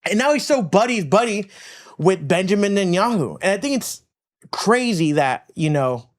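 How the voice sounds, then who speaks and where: Male podcast host from Florida, animated swooping delivery, profane and emphatic, circles back and repeats his points. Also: high voice. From Miami, United States. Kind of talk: casual podcast rant.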